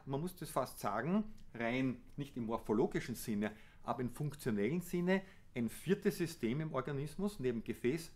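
A man in his sixties, a doctor, explaining in a measured way in an office interview. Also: medium pitch. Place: medical office.

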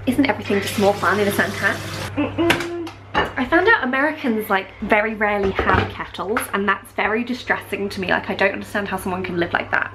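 A woman's voice: mid-range voice, heavy background noise. A young woman vlogging in a chatty, bubbly way, a bit stuffy from a cold. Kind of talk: casual vlog chat.

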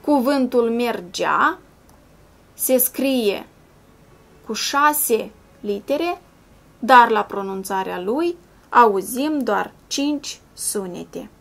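A woman primary school teacher giving a slow, clear video lesson, patiently spelling out syllables and sounds step by step. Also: fairly high pitch, expressive. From Moldova. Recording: voice-over with soft background music.

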